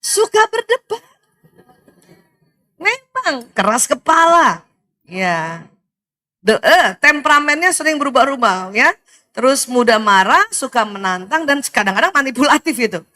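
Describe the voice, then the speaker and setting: A middle-aged woman from Indonesia giving a lively religious talk to women, animated, often laughing and speaking straight to her listeners. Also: high-pitched, measured pace, pauses often. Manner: animated, laughs often, addresses audience directly.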